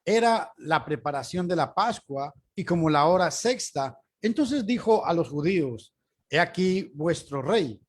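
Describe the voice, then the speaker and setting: A man reading scripture aloud as a Bible teacher. His reading is measured, and he lifts his voice for quoted speech. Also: on the high side, lively intonation.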